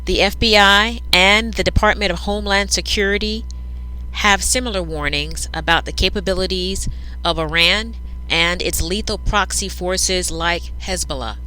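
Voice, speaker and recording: Bright-voiced news reader dictating copy. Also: mid-range voice, moderate pace, a little hiss or hum, low-quality recording. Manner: dictating, says punctuation and paragraph breaks aloud. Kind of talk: dictating news script aloud with spoken punctuation.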